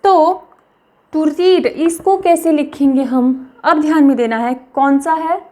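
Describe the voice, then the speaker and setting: A young woman teaching a language lesson, repeating each word slowly for practice. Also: high voice, mellow. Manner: slow, repeats words for practice.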